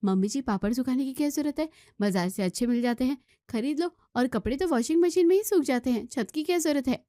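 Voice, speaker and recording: A woman's voice: high voice, fast, warm tone, no echo, clean studio sound, pitched above the performer's own voice, lightly acted. A woman voicing a stubborn young daughter-in-law who answers back defensively and pleads.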